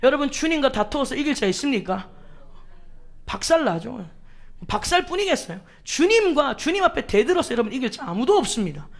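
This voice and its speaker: A woman's voice: high voice, very animated, brisk. A woman pastor preaching a sermon, emphatic, asking the congregation rhetorical questions and acting out quoted pleas with drama.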